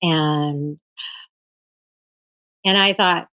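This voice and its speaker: A woman in her forties speaks as a guest on a live stream, recounting her story in halting, emotional bursts. Her voice sits on the low side for a woman, recorded dry and close with no room echo. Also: steady tone, pushed and bright. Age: 40s. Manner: halting and emotional, full of fillers and restarts.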